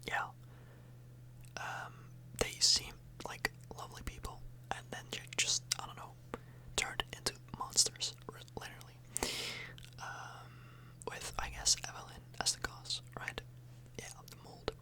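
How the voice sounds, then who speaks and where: On a rough recording, a woman hosting an ASMR video whispers unhurriedly, breathy and unvoiced, close to the mic. She rambles informally and a little hesitantly.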